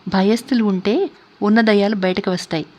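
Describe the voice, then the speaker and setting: A woman's voice: mid-range voice, steady tone, fairly quick, mellow, natural voice. A woman voicing bold, teasing young Kamala. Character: bold young woman telling a ghost tale.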